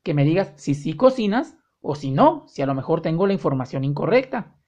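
A woman teaching an online language lesson, speaking directly to the learner and drawing out her example sentences slowly. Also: low-pitched, very animated, a little mellow, dull audio. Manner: slow, drawn-out example sentences, friendly direct address. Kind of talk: online lesson explaining grammar.

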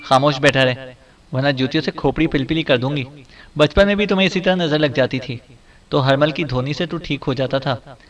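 A man voicing a fierce, superstitious elderly mother who scolds loudly and shrilly. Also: a little high, fairly quick, muffled recording, faint music behind, lightly acted. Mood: angry scolding.

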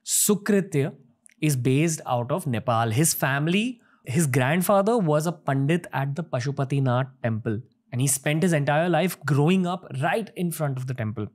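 A young man from India hosting a podcast, speaking earnestly into a studio mic and letting his lines fall soft at the ends. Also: a little high, animated, normal speed. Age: young adult. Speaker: podcast host. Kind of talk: podcast interview and intro monologue. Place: studio set with shelves, indoors. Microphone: desk-mounted podcast mic.

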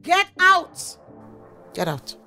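A proud, cutting widow. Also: female voice, low-pitched, normal speed, faint music behind. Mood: furious. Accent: Nigerian English. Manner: cutting, scornful. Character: proud widowed mother, sharp-tongued, unyielding. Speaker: widow, homeowner. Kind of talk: film drama dialogue.

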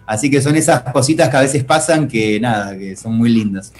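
Argentine actor chatting in an interview. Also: male voice, medium pitch, expressive, fairly quick, darkish tone. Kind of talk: casual interview.

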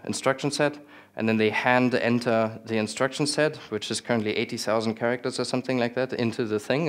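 A young man giving a technical talk with slides in a small lecture room, relaxed, with many fillers and restarts and some dry humor. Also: on the low side. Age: young adult. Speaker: conference speaker.

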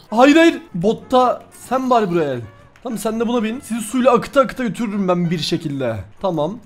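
Very high voiced guy rattling off quick goofy game commentary, all mock drama, faint music behind. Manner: theatrical, talks to viewers and in-game animals in a mock-dramatic tone. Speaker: gaming YouTuber. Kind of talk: playful Minecraft let's-play commentary.

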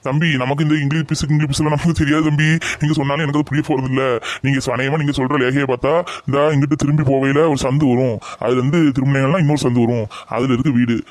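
A man's voice: mid-range voice, little pitch movement, very fast, few pauses, no room sound, natural voice. Man putting on a rambling old villager. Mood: helpful. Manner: rambling, addresses listener as "thambi". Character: older village man giving directions, helpful.

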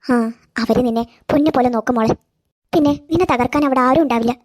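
Woman doing a high, tearful cartoon grandmother. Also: fast talker. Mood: sad. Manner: gentle, coaxing. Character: tender grandmother, tearful and self-sacrificing. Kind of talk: cartoon voice acting.

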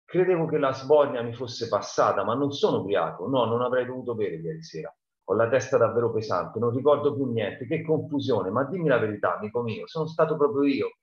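A man's voice: mid-range voice, expressive, fairly quick, pitched above the performer's own voice, close to an everyday voice. A man reading aloud as a drunk, frightened older man who pleads in a shaky voice. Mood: pleading. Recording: roomy, dull lo-fi sound.

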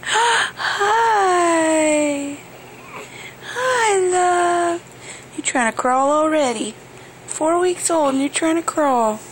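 A woman's voice: very high-pitched, animated, extremely slow, a little hiss or hum. A woman cooing to her newborn in sing-song baby talk, gasping and gushing between short phrases. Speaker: mother talking to her newborn.

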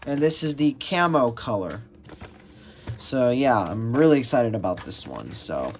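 A man giving casual unboxing commentary as a radio collector, talking in a halting way with many restarts and fillers. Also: medium pitch. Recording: steady background noise with packaging crinkles and clicks.

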